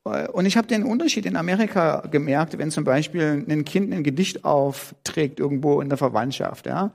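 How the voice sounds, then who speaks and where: A middle-aged man preaching a sermon as pastor, talking conversationally with many fillers and lively quoted voices. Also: fairly high pitch, moderate pace, vocal fry. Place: church hall. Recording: long reverb of a church hall.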